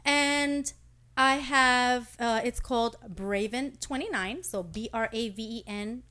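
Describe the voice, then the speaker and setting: A woman from Puerto Rico, a guest in a casual interview, animated and laughing, with hesitant fillers when she explains. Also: a little high, takes it slowly, clean tone. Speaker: interview guest, singer and skincare entrepreneur.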